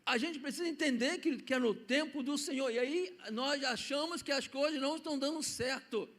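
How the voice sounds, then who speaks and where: A Brazilian pastor with a notably high voice preaches from a church pulpit. He tells a story in a sermon style, dropping to hushed tones and then rising to loud declarations. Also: brisk. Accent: Brazilian Portuguese. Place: church sanctuary.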